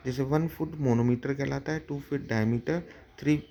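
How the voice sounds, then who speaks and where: A man's voice: mid-range voice, normal speed, creaky, over a noisy crowd. A man teaching a lecture on poetic devices, methodically listing terms one by one.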